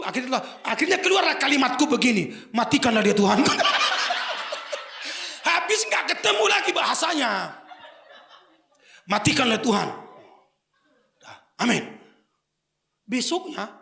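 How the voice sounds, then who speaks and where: High-voiced pastor with a gravelly voice. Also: male voice, big pitch swings, a little fast. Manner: humorous storytelling, shouts prayers. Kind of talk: sermon. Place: church service.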